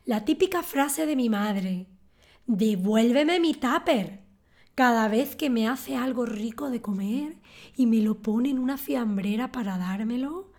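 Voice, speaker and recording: A woman, giving a calm, clear scripted lesson on words. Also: a little high. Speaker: Spanish teacher.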